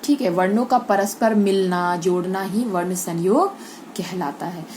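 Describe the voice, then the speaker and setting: A woman's voice: medium pitch, measured pace, a little mellow, a little hiss or hum. A woman teaching a Hindi grammar lesson to schoolchildren, explaining step by step and asking and answering her own questions.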